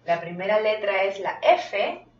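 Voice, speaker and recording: A woman's voice: medium pitch, lively intonation, a little slow. A woman teaching French vocabulary to children, who speaks Spanish as her first language and talks patiently, asking questions and repeating the phrases. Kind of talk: classroom lesson. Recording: roomy, distant, dull sound.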